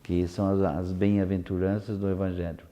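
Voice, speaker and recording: A man São hosting an unscripted conversational interview, haltingly repeating words as he searches for phrasing. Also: deep voice, level tone, warm tone. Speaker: interview host.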